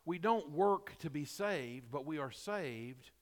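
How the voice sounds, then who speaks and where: A male pastor with a rather high voice, preaching a sermon while his voice turns hoarse. He pushes key lines hard, then sinks into low, quiet asides. The sound rings out with a long reverb of a big sanctuary. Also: lively intonation, takes it slowly. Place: church sanctuary. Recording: long reverb of a large hall.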